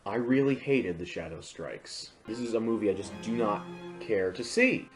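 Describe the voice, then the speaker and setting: A man who reviews and hosts videos delivers an informal, comedic film review full of sarcastic, exaggerated commentary for comic effect. His voice is on the low side and expressive, at a normal speed, with a roomy echo under music.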